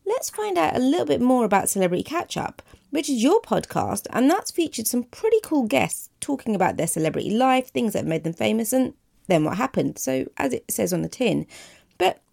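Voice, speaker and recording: A woman hosts a podcast, her voice swinging animatedly up and down as she introduces her guest. A slight gravelly fry creeps into her phrase endings. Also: a little high, sing-song, a little fast, a little mellow. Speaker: podcast host. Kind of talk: scripted intro then interview questions.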